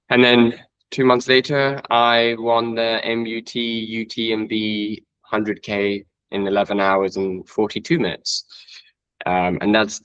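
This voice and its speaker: A man's voice: lowish voice, fairly bright tone, no room sound, low-quality recording. A man in his twenties from Iceland, a guest trail runner chatting casually in an interview, rambling with many fillers and self-corrections. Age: 20s.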